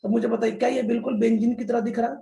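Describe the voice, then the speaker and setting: A man's voice: very high-pitched, flat delivery, very fast, gravelly, warm tone. A man teaching a chemistry lesson in a classroom style, repeating key terms and often addressing the children. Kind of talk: classroom lecture. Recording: echoey room.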